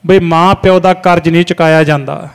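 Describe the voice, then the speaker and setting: A man voicing a wise elderly mother who gently corrects her son, in a sermon story. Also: fairly high pitch, steady tone, fairly quick, vocal fry, clean tone. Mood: gently admonishing. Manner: gentle, admonishing. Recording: long hall reverb, faint music.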